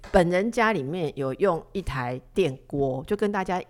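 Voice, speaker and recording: A woman in her fifties with a Taiwanese Mandarin accent talks on a casual podcast. Her voice sits a little low for a woman. She tells stories briskly and acts out the other people in them. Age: 50s. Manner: lively storyteller who acts out quoted dialogue. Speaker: podcast co-host, doctor.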